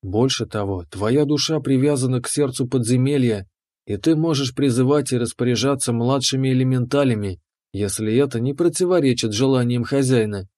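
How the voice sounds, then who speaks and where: A man voicing a devoted female lava dungeon keeper who speaks in a low, soft, purring, obedient way. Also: fairly quick, no echo, clean studio sound, natural voice. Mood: proud. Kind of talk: audiobook character voice.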